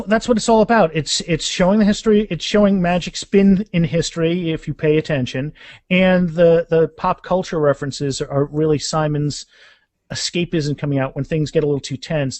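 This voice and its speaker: Sitting on the high side and a little mellow, this man's voice comes through a dry recording. As a guest author in a relaxed, lively interview, he discusses his books with emphasis, repeating words frequently while explaining things.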